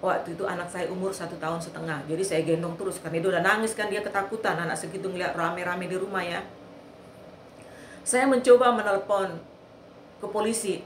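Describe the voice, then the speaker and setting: A woman with a lowish voice gives an earnest personal testimony, recounting events with repetition. Her voice rings around an echoey room. A faint ambient noise sits behind her. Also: steady tone, fairly quick. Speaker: eyewitness sharing a testimony.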